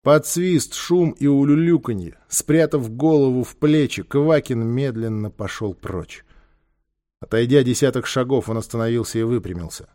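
A man narrating a children's story aloud with lively, dramatic reading. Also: medium pitch, moderate pace.

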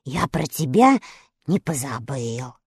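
A woman doing a slow, sheepish straw man. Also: very animated, slightly rough, dry recording, clean studio sound, full character voice. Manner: slow, hesitant, low and soft.

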